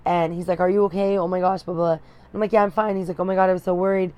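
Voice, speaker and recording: A young woman with a slightly low-pitched voice speaks directly to her viewers. She tells a painful personal story candidly, her emotion showing as she pauses and starts her sentences over. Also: steady tone, lo-fi sound. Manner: candid, emotional, halting with many restarts. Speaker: vlogger.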